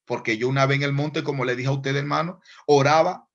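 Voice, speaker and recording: A man's voice: medium pitch, fairly even intonation, fairly quick, vocal fry. Emphatic man preaching, lo-fi sound. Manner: emphatic, acts out dialogues, swings from loud to hushed. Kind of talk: sermon. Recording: dull lo-fi sound.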